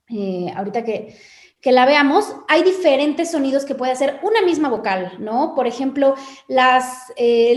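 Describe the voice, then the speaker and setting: A woman's voice: sits high, a little mellow, echoey room. A woman with a Mexican Spanish accent, an English teacher explaining things in casual chat and often adding "¿no?" tags. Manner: explanatory, uses many "¿no?" tags.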